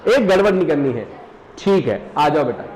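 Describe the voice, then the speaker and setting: A man with a Pahari-tinged Hindi accent teaches a live revision class, his fairly high voice swinging widely up and down as he drills facts over and over. He keeps tossing rhetorical questions at his students and cracks small jokes along the way. A faint hiss of room noise sits behind him. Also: sing-song, normal speed, a little mellow, low-quality recording. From Uttarakhand hills. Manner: calls students "beta", jokes and laughs while teaching.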